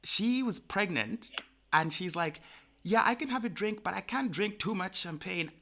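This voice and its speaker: Bright-voiced male podcast co-host. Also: normal speed, vocal fry. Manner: animated, high-pitched when quoting people. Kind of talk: casual chat.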